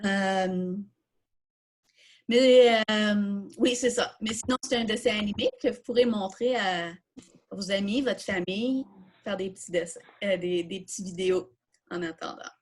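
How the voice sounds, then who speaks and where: At a measured pace and medium pitch, a woman with a Quebec French accent runs a live online coding workshop. She casually thinks aloud and responds to questions while demonstrating.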